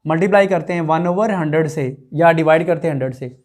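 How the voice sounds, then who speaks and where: A man's voice: a little high, quick pace, darkish tone. A man teaching a math lesson, explaining each step and asking his students rhetorical questions as he works through the numbers. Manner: addresses students directly and repeats numbers.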